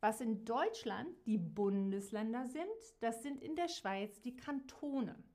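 A woman who teaches a live geography lesson to viewers, speaking slowly and clearly and repeating key words. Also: fairly high pitch. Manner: slow, repeats key words, warm direct address to viewers. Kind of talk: slow, clearly articulated live-stream lesson.

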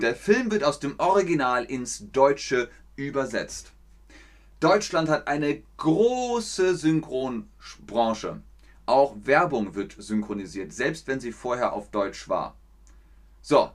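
Man from the Rhineland explaining slowly. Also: medium pitch. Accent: Rhineland German. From Cologne, Germany. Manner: explains slowly, repeats key sentences, reads out chat comments. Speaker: German teacher, livestream host. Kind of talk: casual livestream lesson.

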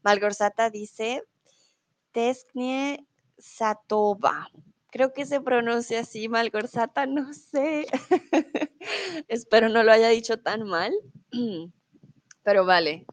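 A woman's voice: on the high side, slow, long pauses. A woman teaching Spanish on a casual livestream, reading viewers' comments aloud, laughing often and trying out foreign words with hesitation.

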